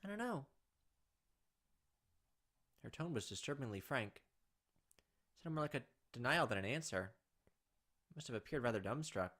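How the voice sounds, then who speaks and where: Expressive and a bit bright, this mid-range voice reads through a visual novel at a moderate pace with long pauses. The let's play host slips in offhand, casual remarks between lines.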